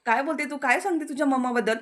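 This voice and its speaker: Woman doing a bossy mom snapping at kids, sharp and scolding, kinda high. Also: rapid-fire, close to an everyday voice.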